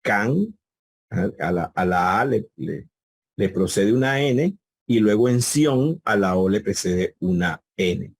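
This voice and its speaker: A man's voice: on the low side, expressive, takes it slowly, slightly rough, no room sound. A man teaching a live online Greek class over a video call, patiently repeating key words and quizzing his students.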